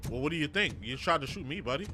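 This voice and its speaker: A man's voice: a little high, animated, quick pace, heavy background noise. A man giving casual, slangy live gameplay commentary, often repeating his own remarks. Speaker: game streamer. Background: game music.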